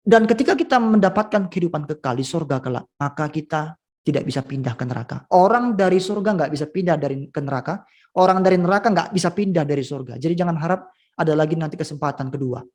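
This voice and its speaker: Lively storytelling male preacher. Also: quick pace. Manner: storytelling, lively swings in pitch and loudness. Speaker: pastor. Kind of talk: sermon. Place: school event.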